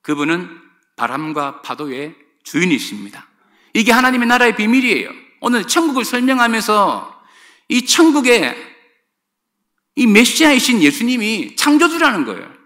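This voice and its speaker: Male pastor, middle-aged, sermon; high, animated, bright delivery. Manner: emphatic preaching, addressing the congregation directly. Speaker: senior pastor.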